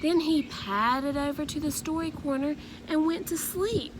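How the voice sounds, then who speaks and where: Unhurried higher-voiced woman reading a storybook. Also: noisy background. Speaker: storybook reader. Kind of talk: expressive children's read-aloud narration.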